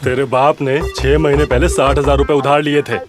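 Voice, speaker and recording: A man's voice: medium pitch, level tone, moderate pace, close to an everyday voice. A man dubbing a threatening, mocking loan shark in a film. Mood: menacing. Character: menacing male loan shark, threatening debtor's son. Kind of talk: Hindi film dub. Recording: dubbed film with music underneath.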